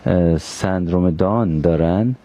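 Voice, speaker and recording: A man's voice: low voice, dark tone. A male interviewer asking probing questions, precise and insistent on exact wording.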